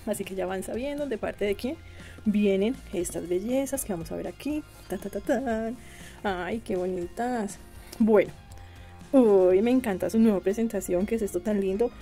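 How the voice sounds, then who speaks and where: A woman's voice: mid-range voice, normal speed, mellow, faint music behind. A young Colombian woman with a Medellín accent, gushing as she chats through a nail product review and calling her viewers "chicas". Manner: chatty and gushing, calls viewers "chicas" and "mis amores". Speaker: beauty vlogger.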